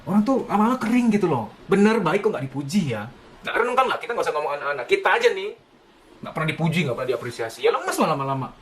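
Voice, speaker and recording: Fast-talking animated male lecturer. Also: a little high. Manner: animated, acts out parent and child dialogue. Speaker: psychology lecturer. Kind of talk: parenting lecture.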